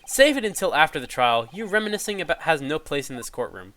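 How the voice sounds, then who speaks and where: A man's voice: on the high side, sing-song, quick pace, pushed and bright, slight background noise. A man voicing a stern, impatient judge in a courtroom video game, speaking formally and curtly. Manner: formal, curt.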